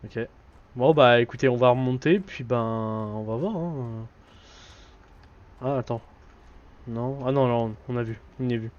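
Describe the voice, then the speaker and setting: A man giving live commentary on a horror game as a streamer, excitable and jokily scolding the game's characters. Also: mid-range voice, unhurried, pauses often. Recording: dull lo-fi stream audio.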